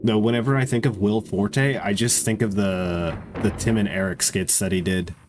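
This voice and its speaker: A man's voice: lowish voice, steady tone, normal speed, background noise. A man with a congested nose giving casual, profane, joking commentary while streaming a game.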